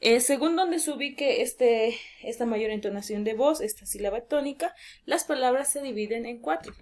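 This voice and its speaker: A woman teacher giving a lesson, explaining clearly and drawing out key words slowly for emphasis. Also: on the high side, darkish tone.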